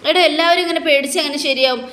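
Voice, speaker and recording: A woman's voice: high-pitched, racing, fairly bright tone, echoey room, voice pushed up. A woman voicing a worried young husband who reassures his wife in a soothing way.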